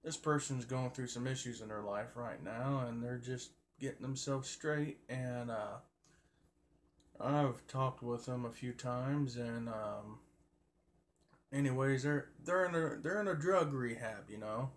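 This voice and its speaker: Folksy guy rambling casually to his stream, medium pitch, bit of background noise on a phone mic. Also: a little slow. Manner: folksy, colloquial. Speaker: livestream host. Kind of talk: casual rambling chat to viewers. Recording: noisy phone recording with background ambience.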